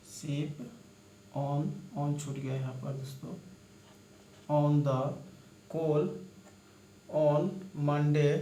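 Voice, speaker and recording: A man's voice: fairly high pitch, a little mellow. A man teaching shorthand, spelling out letters one by one in a step-by-step lesson. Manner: spells out letters one by one, addresses viewers as friends. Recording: echoey room with faint background noise.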